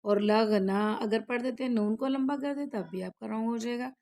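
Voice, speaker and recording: A woman teaching Quran recitation rules, who chants each verse slowly and loudly and then explains quickly and softly, often checking that the learner follows. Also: fairly high pitch, gravelly. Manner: checks in with the listener after each rule.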